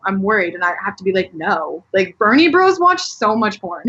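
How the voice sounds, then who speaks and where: With a very animated, sharp mid-range voice at ordinary speed, a woman from Colorado who works as an adult performer chats candidly on a podcast, leaning heavily on "like." The audio quality is lo-fi.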